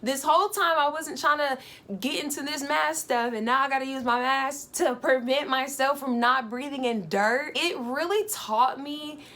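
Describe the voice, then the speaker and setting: A young woman vlogger telling a casual, animated travel story, full of fillers. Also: high voice, normal speed.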